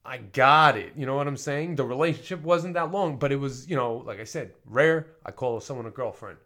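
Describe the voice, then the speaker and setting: A man talking in a casual personal monologue as a podcast host, often swearing and full of fillers, dropping to soft mumbles and then rising to loud emphatic bursts. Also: medium pitch, a little fast. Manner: frequent swearing and filler talk.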